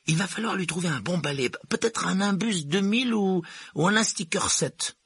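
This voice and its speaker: Brief: male reader as a keen boyish captain, lifted lively voice, dry read. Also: high-pitched, normal speed, husky, no room sound, pitched above the performer's own voice, exaggerated voice. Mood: eager. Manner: enthusiastic. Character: eager young male team captain.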